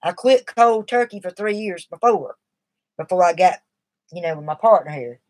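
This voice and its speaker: In casual live stream talk, a middle-aged woman with a lowish, darkish voice speaks animatedly at a moderate pace. She's shaky from nicotine withdrawal and talks at length in an earnest, rambling, confiding way.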